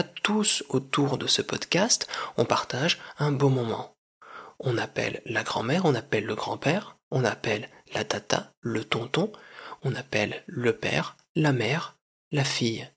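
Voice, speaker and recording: Husky guy doing fake-serious radio host bits, deadpan, kinda pompous announcer tone. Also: medium pitch. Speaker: podcast host and narrator. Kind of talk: mock-formal comic radio presenting.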